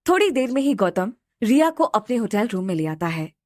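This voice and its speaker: A woman narrates a scripted audio drama with expressive storytelling. Her voice sits fairly high and swings in a very animated way. It is recorded close and dry. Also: normal speed, no room sound.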